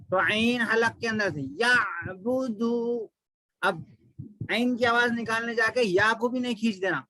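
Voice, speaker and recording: A man teaching Quran recitation with a Pakistani Urdu accent, chanting verses slowly and then explaining them briskly, asking questions and answering them himself. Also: sits high, sharp tone, dry recording, rough recording. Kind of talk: recitation lesson.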